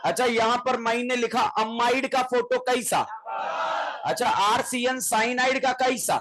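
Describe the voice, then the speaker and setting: A man teaching chemistry in a lively exam-prep class, calling out questions and often shouting. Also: very high voice, measured pace. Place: classroom with students. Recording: noisy classroom with crowd voices.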